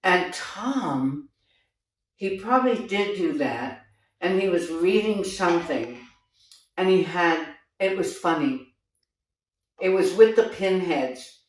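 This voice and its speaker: Animated older woman, echoey and distant. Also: lowish voice, slow pace, long pauses. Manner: animated storyteller, laughs often, exclaims "oh my God". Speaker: theater director recalling past productions. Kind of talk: casual reminiscing chat. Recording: echoey room, voice from off mic.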